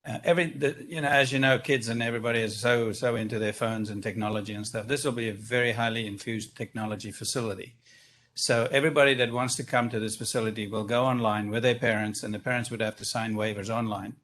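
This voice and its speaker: At a stand-up microphone in a council chamber, a South African-accented business owner presents a project during public comment. He speaks enthusiastically, expansively and at length, with a self-deprecating streak. His mid-range voice is a bit bright, with fairly even intonation and a fast pace.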